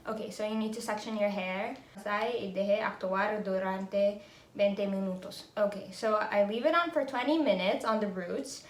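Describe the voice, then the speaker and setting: This is a young beauty vlogger from the Philippines, fluent from birth in Tagalog and English, casually narrating a vlog at home while musing aloud and often laughing a little. Her voice is medium in pitch, recorded in an echoey room with slight background noise.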